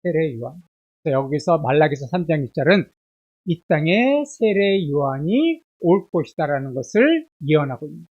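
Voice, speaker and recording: Pastor guy preaching with a bad cold, loads of rhetorical questions, gets loud then goes quiet, church. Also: on the high side, sing-song, moderate pace, dull audio. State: has a bad cold with fever. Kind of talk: sermon. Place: church sanctuary.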